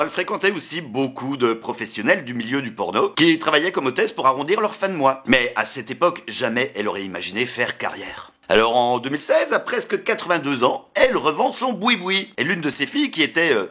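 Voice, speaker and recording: A man's voice: mid-range voice, husky. A man telling a story and chatting to his viewers in a casual vlog, cheeky and irreverent in his humor. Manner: animated, chatty delivery addressing the viewer. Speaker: YouTuber vlogger.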